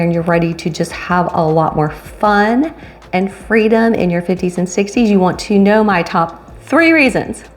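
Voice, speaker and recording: Chatty woman in her fifties vlogging. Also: medium pitch. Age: 50s. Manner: chatty, animated, swings between quick asides and slow stressed phrases. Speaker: retirement vlogger and coach. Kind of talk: casual talk to camera. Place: home room, indoors.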